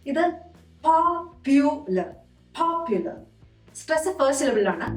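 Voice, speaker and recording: A woman teaching English pronunciation, slowing down to repeat words syllable by syllable. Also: sits high. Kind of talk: spoken-English lesson for Malayalam speakers. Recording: echoey room, from a distance, soft music behind.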